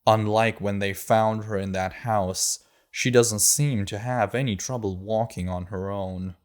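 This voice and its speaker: Guy reading an audiobook, lowish voice, calm steady pace. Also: a little slow. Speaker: audiobook narrator. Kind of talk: scripted narration.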